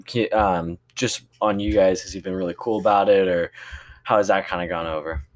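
A man's voice: low voice, steady tone, moderate pace. A man, a coach, interviewing a player with loose, rambling questions full of fillers.

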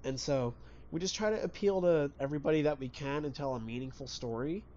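A man's voice: a little high, fairly quick, warm tone. A man chatting casually as a podcast co-host. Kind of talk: casual chat. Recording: dull lo-fi sound, faint background noise.

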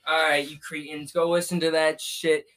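Young new guy hosting a podcast, frat bro talk, bright higher voice, swears a lot. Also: level tone, normal speed. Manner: frat-bro slangy, profane hype talk. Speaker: podcast host. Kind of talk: casual podcast chat.

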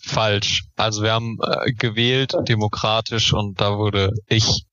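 A man's voice: on the low side, flat delivery, measured pace, bright, forceful tone, dry recording. A man in his twenties, co-hosting a podcast in casual, joking chat. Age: 20s. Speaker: podcast co-host. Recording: dull lo-fi dry sound.

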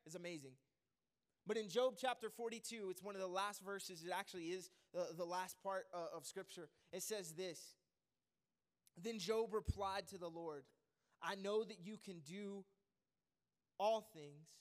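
A man preaching a sermon as a pastor, lively and joking, rambling with fillers and restarts. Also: sits high, unhurried.

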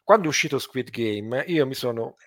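A man's voice: mid-range voice, lively intonation, moderate pace, fairly bright tone. A man co-hosting a casual film discussion, circling his points and choosing his words carefully. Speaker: podcast co-host.

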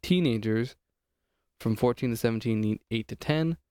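A man's voice: medium pitch, normal speed, warm tone, clean tone, dry recording, clean studio sound. A man hosting a podcast in casual chat, reading lists aloud with joking asides. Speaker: podcast host.

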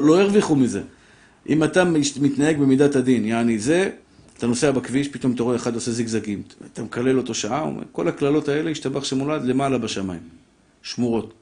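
A middle-aged man giving a lively Torah lesson, acting out voices in his stories and addressing his listeners fondly. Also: medium pitch. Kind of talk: lively sermon with anecdotes.

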